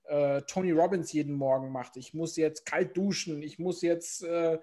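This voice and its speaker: A man's voice: a little high, steady tone, normal speed, mellow. A man chatting casually on a podcast, rambling with lots of fillers and restarts. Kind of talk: casual chat.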